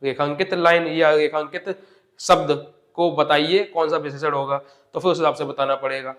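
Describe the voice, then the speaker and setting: Guy teaching grammar for an exam, kinda high voice, asks then answers his own questions. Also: fairly even intonation, moderate pace, fairly bright tone. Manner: explains step by step, asks questions then answers them himself. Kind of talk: exam-prep grammar lesson.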